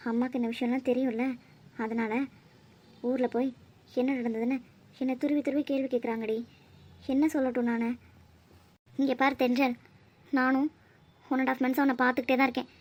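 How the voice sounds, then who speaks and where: A woman's voice: sits high, warm tone. A woman voicing a pushy worried college friend. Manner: pleading, insistent, coaxing. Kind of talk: cartoon voice acting.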